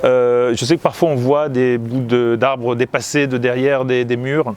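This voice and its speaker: A man, a comic book artist, chats casually while strolling outdoors, pausing often with fillers and restarts. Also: medium pitch, level tone, a little mellow, a little hiss or hum. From Italy and Grenoble, France. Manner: hesitant, many fillers and restarts. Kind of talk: casual walking chat to camera. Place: outdoors, seaside town streets and ramparts.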